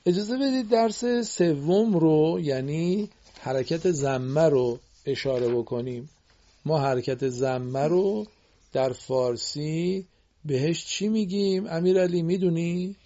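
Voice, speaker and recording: A man's voice: fairly high pitch, highs cut off. A man teaching children to read Quranic Arabic, patiently explaining vowel marks and correcting their pronunciation with frequent praise. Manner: praises pupils often, corrects pronunciation gently. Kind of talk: patient classroom instruction.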